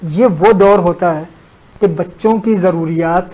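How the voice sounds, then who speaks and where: A man as a religious scholar on a talk show, explaining a teaching in a measured way and unfolding a story with pauses. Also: high voice, warm tone, poor audio.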